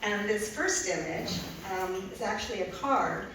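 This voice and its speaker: An older woman reads her poems at a live open mic, sharing earnest, chatty asides in between. She fills her pauses with ums, and her voice sits at an ordinary pitch for a woman. The mic catches her from a distance in a very reverberant room with clear background ambience. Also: expressive, a crowd in the background. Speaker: poet and art therapist. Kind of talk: live poetry reading with spoken asides.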